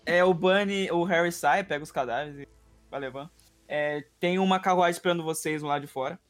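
High-voiced man narrating as game master. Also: brisk, fairly bright tone, soft background music. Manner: describes scenes and voices characters in passing.

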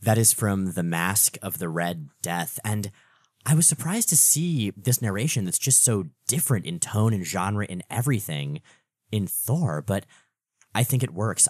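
A man with a fairly low, animated voice recaps comics as a podcast co-host. His storytelling is expressive and conversational, recorded very dry. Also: dry recording.

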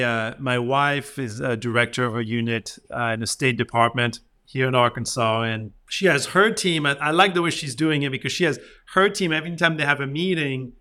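A man's voice: mid-range voice, bright, forceful tone. A man speaking as an interviewed author, conversational and explanatory, putting emphasis on his key points.

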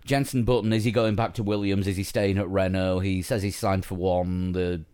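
A man with a fairly low voice talks in a loose, rambling way. He often stops and restarts his sentences and fills gaps with ums. The tone is casual podcast chat. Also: level tone, normal speed, dark tone, smooth. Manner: rambling, with many fillers and restarts. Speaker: podcast host. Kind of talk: casual chat about motor racing.

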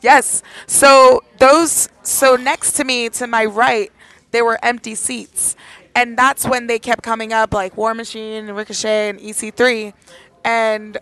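Woman, hoarse lost voice, croaky fry, podcast co-host, playful casual banter. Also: on the high side, flat delivery, measured pace, a bit bright, no room sound, low-quality recording. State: hoarse, has lost her voice. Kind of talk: casual chat.

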